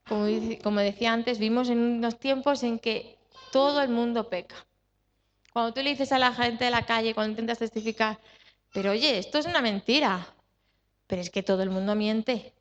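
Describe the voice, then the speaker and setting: A woman pastor with a Spanish accent from Spain preaching a sermon, stressing points with repetition and questions to the congregation. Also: a little high. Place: church hall. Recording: dull sound with long hall reverb.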